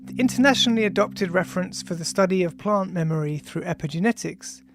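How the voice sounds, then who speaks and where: An audiobook author with an androgynous, mid-pitched voice gives a measured science reading, even reading the punctuation aloud. A clear bed of ambient music with bell-like tones plays behind the voice.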